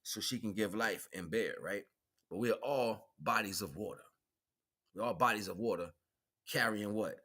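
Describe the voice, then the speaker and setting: A man with a fairly low, sharp-toned voice speaks at a moderate pace, giving an improvised spiritual lecture on a livestream. A spiritual teacher and host, he uses colloquial language, repeats phrases for emphasis and checks in with rhetorical questions.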